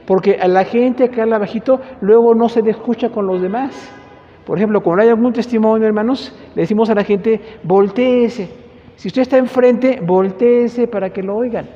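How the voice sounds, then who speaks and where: A man with a Mexican Spanish accent teaches a Bible class in a high, mellow voice. He talks conversationally, often tagging sentences with rhetorical questions. The muffled, lo-fi recording carries a long church-hall echo.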